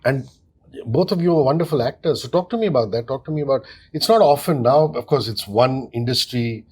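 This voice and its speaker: A man hosts the interview, asking long, winding questions full of praise. His voice is slightly husky. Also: mid-range voice, a little fast, a little mellow. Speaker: host.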